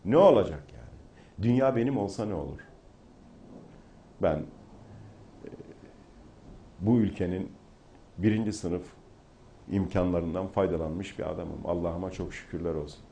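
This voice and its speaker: Low mellow man speaking with rising fervor. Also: unhurried, vocal fry, long pauses, slight background noise. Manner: rising to forceful oratory. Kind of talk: impassioned talk show discussion.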